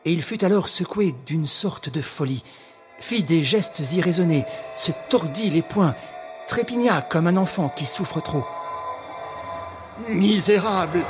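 A man narrating a classic novel aloud in a slow, measured, dramatic reading. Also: fairly high pitch, animated, over music.

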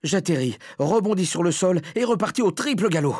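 A man reading a children's story aloud with dramatic, expressive first-person narration. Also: sits high, a little fast, dry recording, studio quality. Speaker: audiobook reader.

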